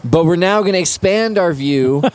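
A man's voice: high-pitched, animated, normal speed. A man co-hosting a casual podcast, easygoing and wry, with some filler words, recorded live in a brewery. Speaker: podcast co-host. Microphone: single shared microphone.

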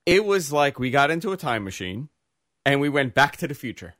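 A man from New York co-hosting a casual podcast chat, telling stories in an animated, joking way. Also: mid-range voice, a little fast, dry recording, studio quality. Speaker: podcast co-host.

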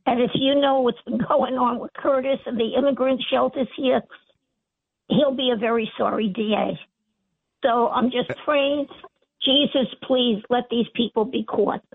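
A woman in her eighties with a gravelly voice, speaking her mind casually as a caller over a narrow telephone line. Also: on the high side, fairly even intonation, measured pace, dry recording. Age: 80s. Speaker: call-in radio listener. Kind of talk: casual opinionated phone-in talk. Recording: narrow, tinny phone line.

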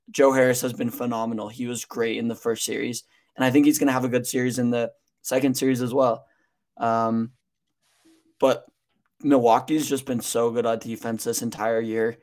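Measured man weighing in with ums. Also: medium pitch, darkish tone. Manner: measured, pauses with frequent ums. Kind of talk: casual sports chat.

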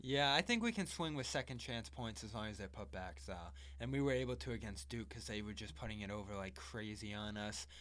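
A man's voice: lowish voice, animated, a little fast, few pauses, a bit bright. A man co-hosting a casual sports podcast, running steadily through stats and game analysis. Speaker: podcast co-host.

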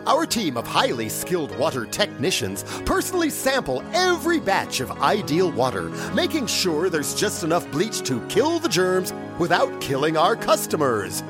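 An actor playing a straight-faced, salesy announcer in a parody radio sponsorship spot. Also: male voice, high-pitched, wildly swooping pitch, normal speed, few pauses, music in the background. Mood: upbeat, salesy. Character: chipper deadpan sponsor announcer.

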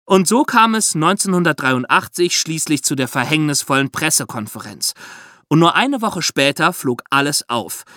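Telling history the way you'd share a story with a friend, this podcast host has a fairly high voice full of lively intonation and keeps a moderate pace. His explanations are engaged and conversational. He's miked close and dry, with no audible room.

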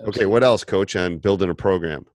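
A man's voice: sits low, fairly quick. An American man from Wisconsin chatting casually as a podcast host. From Wisconsin, United States. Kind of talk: casual chat.

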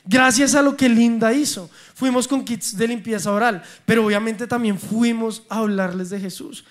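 Young Colombian male preacher, high voice, lively storyteller. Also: moderate pace. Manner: animated, humorous storytelling with acted dialogue. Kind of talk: sermon with personal stories.

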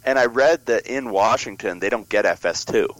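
An American man co-hosting a casual sports podcast, his voice raspy like a smoker's and hoarse from a head cold. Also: lowish voice, normal speed, no echo, low-quality recording. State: congested with a worsening cold.

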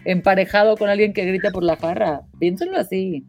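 A woman's voice: medium pitch, brisk, soft background music. A woman in her thirties with a Mexican Spanish accent, hosting a podcast in a candid, informal chat style. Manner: lively, candid and informal, uses slang. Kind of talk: casual conversational chat.

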